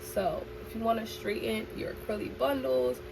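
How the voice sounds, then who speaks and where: Bubbly young woman with creaky vocal fry. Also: a little high, fairly even intonation, moderate pace. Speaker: vlogger. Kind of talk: casual chat to camera. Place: indoors in a room at home. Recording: home recording with background noise.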